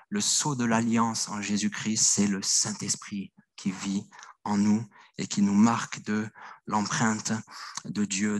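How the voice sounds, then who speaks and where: A man's voice: lowish voice, no room sound. A middle-aged man with a French accent preaching a sermon as pastor, earnest, often repeating phrases and restarting words.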